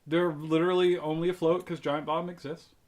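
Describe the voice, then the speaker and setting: Young male podcast co-host, opinionated and argumentative, slightly high voice. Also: flat delivery, brisk, a little mellow. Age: young adult. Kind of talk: casual chat.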